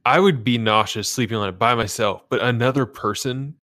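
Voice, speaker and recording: A man's voice: mid-range voice, brisk, fairly bright tone, no echo. Dry-joking male podcast co-host. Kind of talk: casual chat.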